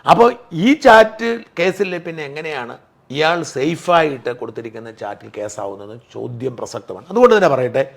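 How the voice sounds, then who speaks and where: Man, gravelly voice, slightly high, argumentative talk-show co-host. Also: animated, normal speed. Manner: argumentative, explains legal sections point by point. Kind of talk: casual political discussion.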